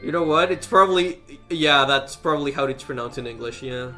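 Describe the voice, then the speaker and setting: A man in casual, thoughtful chat on a game stream, pausing and restarting as he talks. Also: on the high side, sharp tone. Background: game music.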